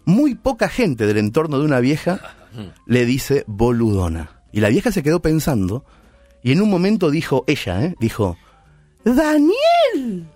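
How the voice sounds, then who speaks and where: A man's voice: medium pitch, sing-song, normal speed, dark tone, no room sound, faint music behind. A middle-aged man with an Argentine accent telling a story in a playful, conversational way. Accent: Argentine Spanish. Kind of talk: storytelling monologue.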